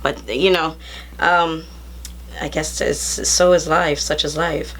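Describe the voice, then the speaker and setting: A woman with a somewhat low voice hosts an interview. She encourages her guest and affirms him often as he talks. A faint hum runs under the recording. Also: steady tone, takes it slowly, a bit bright. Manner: encouraging, with many affirming fillers. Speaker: interview host. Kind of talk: casual interview.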